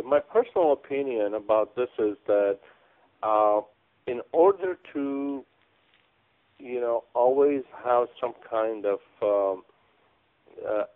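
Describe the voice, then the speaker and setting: A man from Iran, a pastor, answering interview questions in a halting way with many pauses and fillers. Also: mid-range voice. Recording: phone-like narrow band.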